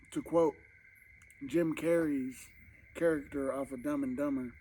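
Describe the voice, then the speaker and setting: A man's voice: medium pitch, fairly even intonation, a little slow, warm tone, slight background noise, poor audio. A man vlogging casually to camera while eating, rambling and talking with his mouth full, at home at night. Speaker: mukbang vlogger.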